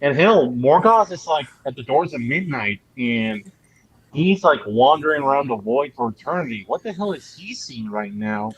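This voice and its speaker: Excitable rambling man on a call. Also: medium pitch, normal speed, slightly rough, low-quality recording. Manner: excitable, rambling, swears casually. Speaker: panelist. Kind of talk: casual group chat.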